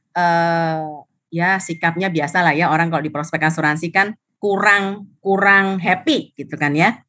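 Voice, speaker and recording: A middle-aged woman from Indonesia, an insurance agent telling her experiences in a lively motivational talk that mixes in English phrases. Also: on the low side. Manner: animated, acts out quoted dialogue, drops in English phrases. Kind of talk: motivational storytelling on a live stream.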